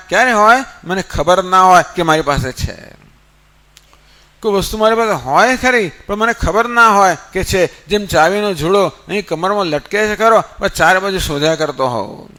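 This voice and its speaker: A man's voice: high voice, sharp tone. A man giving a spiritual discourse, telling a story and asking and answering his own questions. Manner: storytelling with rhetorical questions, counts slowly. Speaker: spiritual teacher. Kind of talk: Gita discourse.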